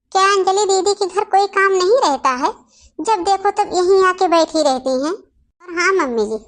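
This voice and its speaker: A woman's voice: very high voice, fairly bright tone. A woman voicing a quarrelsome, stingy young daughter-in-law in a cartoon family story, sarcastic and scolding.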